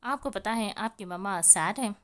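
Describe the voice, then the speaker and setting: A gentle, caring young uncle, as a woman reader puts him on, speaking softly and coaxingly to a sulking child. His lines are read in an even, warm storybook manner, with English phrases dropped in. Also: medium pitch, close to an everyday voice.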